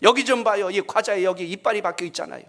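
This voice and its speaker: Casting: shrill, fussy old woman in her seventies, high and bright, done by a male preacher. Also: very animated, fast talker, exaggerated voice. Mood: indignant.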